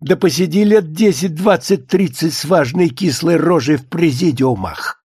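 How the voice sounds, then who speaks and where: A man's voice: a little high, moderate pace, a little mellow, breathy edge, dry recording, clean studio sound. Man voicing a blustering Soviet bigwig. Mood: lecturing. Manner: scornful, hectoring tirade. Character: pompous older male Soviet official, boozy, blustering.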